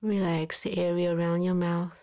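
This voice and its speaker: A woman guiding a body-scan relaxation in a soft, calm voice, sometimes dropping into a whisper, with long pauses. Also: lowish voice. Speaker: meditation guide.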